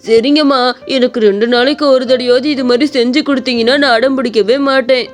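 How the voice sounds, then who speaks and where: A woman's voice: high-pitched, steady tone, a little fast, soft background music, natural voice. Woman voicing a stubborn little boy. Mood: delighted. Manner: whiny and pleading. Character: young boy, stubborn, craves parottas. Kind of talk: cartoon story voice acting.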